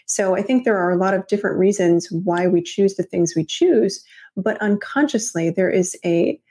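A woman talking in a podcast conversation, explaining things in a measured way and laughing easily. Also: medium pitch, mellow, husky.

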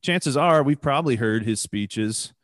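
A man's voice: mid-range voice, animated, unhurried, fairly bright tone, no room sound, clean studio sound. A man hosting a podcast interview, with a polished radio announcer voice and upbeat introductions. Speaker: podcast host.

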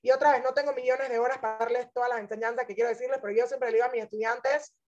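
High-voiced woman giving an earnest testimony. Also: fairly even intonation, racing, dull audio, soft background music. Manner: earnest and emphatic, addresses listeners directly. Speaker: religious teacher. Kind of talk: inspirational personal testimony talk.

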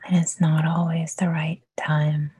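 A woman whispering a guided meditation, soft and soothing with long pauses. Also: sits low, level tone, a little hiss or hum.

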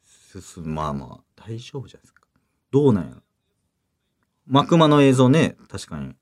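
A man's voice: mid-range voice, very animated, moderate pace. A young man with a Kansai accent, chatting casually as a comedian co-host, laughing often and acting out quotes. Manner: laid-back, laughs often, acts out quotes. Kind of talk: casual chat.

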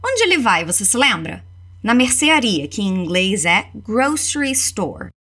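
Brazilian woman English teacher, lively pitch, slow model phrases, quick explanations. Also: slightly rough. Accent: Brazilian Portuguese. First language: Portuguese. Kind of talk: language lesson with repeat-after-me drills.

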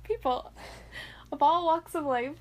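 A woman's voice: high-pitched, a little slow. A woman co-hosting a casual podcast, recapping a movie in a rambling, giggly way with lots of fillers and restarts. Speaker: podcast co-host.

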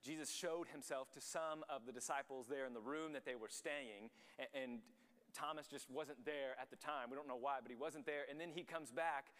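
A man's voice: medium pitch, moderate pace, a bit bright. A young adult man teaching a Bible study in a casual, conversational way. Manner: conversational, acts out the quotes in voices. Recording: long hall reverb.

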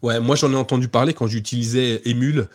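A man's voice: medium pitch, fairly even intonation, fast talker, no echo, clean studio sound. A man co-hosting a tech podcast, often searching for words and repeating himself. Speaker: podcast co-host. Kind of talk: casual tech chat.

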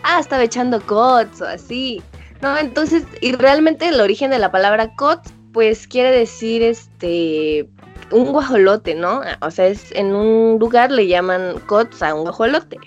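Woman from chiapas, mild local accent, chatty and laughing, dull lo-fi sound, soft music behind. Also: on the high side, animated, measured pace. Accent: mild Chiapas Mexican. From Comitán, Chiapas, Mexico. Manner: chatty, laughs often, fillers. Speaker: interview guest. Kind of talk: casual conversational interview.

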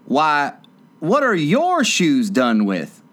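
A man voicing a solemn, impatient male griffin who talks slowly. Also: a little high, wildly swooping pitch, a bit bright, pitched above the performer's own voice, full character voice. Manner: slow and solemn.

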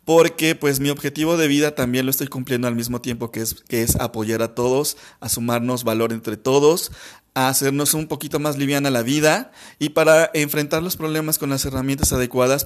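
Male podcast host, gentle repeated phrasing. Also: mid-range voice. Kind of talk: personal podcast talk leading a guided meditation.

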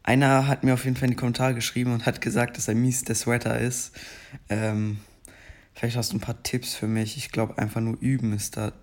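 Delivering game commentary in a flat, somewhat mellow voice of medium pitch, a young man sounds scratchy, as if just woken up. He chatters slowly and rambles, then erupts now and then in frustration; he makes gaming videos.

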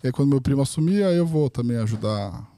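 A man's voice: mid-range voice, animated, fast, dark tone. A man from Brazil, a podcast guest, chatting casually in an interview and rambling through many restarts and fillers.

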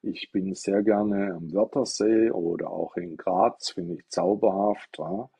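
Husky, mellow-voiced man streaming from an iPad. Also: low-pitched, steady tone, takes it slowly. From southwest Germany. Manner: rambling, explanatory, poses rhetorical questions. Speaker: livestreamer talking about Buddhism. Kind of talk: casual live-stream monologue.

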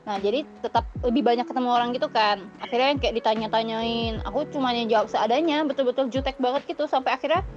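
A young woman telling a story in casual chat, lively, often laughing and acting out the dialogue she quotes. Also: fairly high pitch, fast, hardly any pauses. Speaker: guest. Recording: dull lo-fi sound with faint music.

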